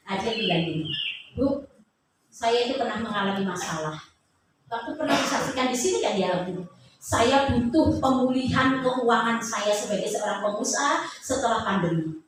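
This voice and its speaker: A woman's voice: fairly high pitch, expressive, normal speed, noisy background. Passionate woman preaching in an echoey hall. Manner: passionate, swings between soft talk and loud sung phrases. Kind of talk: sermon. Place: large church hall. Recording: very echoey church hall, from far off.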